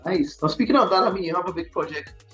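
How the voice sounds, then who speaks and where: A man's voice: high voice, fast talker, sharp tone, faint music behind. A man hosting a gospel TV interview show, upbeat and chatty, laughing between his questions. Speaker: TV show host.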